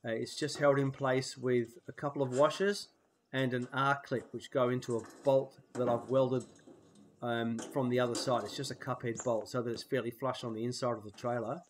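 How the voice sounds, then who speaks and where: A man's voice: medium pitch, moderate pace. An Australian man with a nasal voice from a cold, casually explaining a homemade trailer tool outdoors. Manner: relaxed, plain-spoken explaining. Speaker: DIY maker. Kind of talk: casual how-to narration. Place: outdoors on a dirt road. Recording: loud outdoor noise behind the voice.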